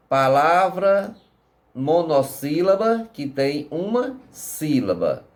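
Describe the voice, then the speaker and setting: A man giving a recorded lesson to children, speaking patiently and checking in with frequent tag questions. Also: on the high side. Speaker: teacher.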